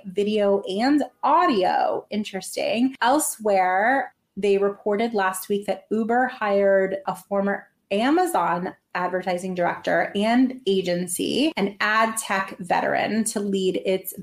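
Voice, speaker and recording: A woman's voice: mid-range voice, a little slow, hardly any pauses. A woman podcast host giving casual solo news commentary in an informal, emphatic, chatty way.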